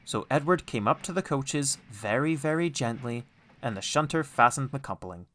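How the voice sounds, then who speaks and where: A man narrates a children's storybook. His medium-pitched voice moves with lively, expressive intonation, in the manner of an audiobook reader. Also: normal speed, a little hiss or hum.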